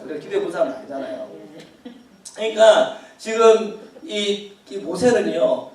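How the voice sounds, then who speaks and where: A male pastor leads a Bible study in a conversational, questioning way and laughs easily. His voice sits a little high. The church hall adds heavy echo, and the mic is at a distance. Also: a little mellow. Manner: conversational, asks the congregation questions and laughs often.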